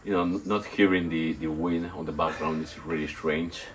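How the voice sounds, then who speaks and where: This is an unwell man making a casual workout vlog with no script, speaking in a very deep voice with a steady tone. He sounds sick and nauseous, so his hesitant delivery halts, rambles, repeats and gropes for words. A phone on a tripod captures him outside in a still yard beneath a tarp, and the audio is poor, with noticeable background noise.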